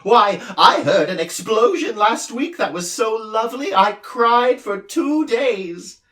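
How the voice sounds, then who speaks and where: A man voicing an excitable, tearful male noise creature in a storybook reading, with a high, loud, squealing voice. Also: slow pace, echoey room, recorded from a distance, heavily acted. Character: shrieking overjoyed male noise creature, weepy.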